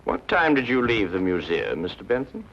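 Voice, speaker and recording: An actor playing a brisk, witty Victorian detective who lays out deductions in a cool, teasing, precise way. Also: male voice, on the low side, sing-song, a bit bright, exaggerated voice. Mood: amused. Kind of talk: 1950s TV drama acting. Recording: dull 1950s TV soundtrack with music.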